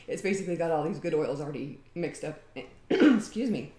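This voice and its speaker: A woman's voice: low voice, lively intonation, a little fast, mellow, echoey room. A woman chatting casually at home, rambling and laughing as she demonstrates a homemade recipe. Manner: rambling and talkative, often laughing. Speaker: home DIY vlogger.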